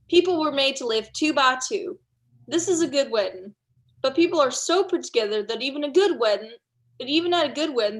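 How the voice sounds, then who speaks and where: A young woman reading a homespun stage manager who speaks plainly and chattily to the audience. The voice sits a little high, in a school play reading. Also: fairly bright tone. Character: folksy male stage manager narrator. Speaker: student actor.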